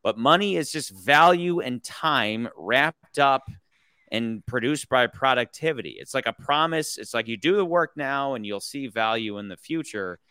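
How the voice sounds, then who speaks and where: An American podcast host chats casually about movies in a bright, forceful tone, his smooth, crisp voice mid-range, animated and at a moderate pace. He's opinionated, rambles, swears freely and often restarts his points. He's close to the mic in a dry room with no echo.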